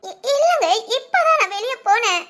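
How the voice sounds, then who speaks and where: A nervous young wife from a cartoon, voiced by a woman. She stammers and apologizes in a very high, bright voice, with little nervous laughs between her words. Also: expressive, moderate pace, a little hiss or hum. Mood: pleading. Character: timid young wife caught out. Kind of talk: cartoon voice acting.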